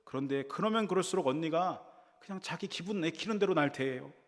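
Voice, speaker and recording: A male pastor voicing an indignant young woman complaining to her pastor, in a high, strained, aggrieved tone. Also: expressive, a little fast. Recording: reverberant church hall.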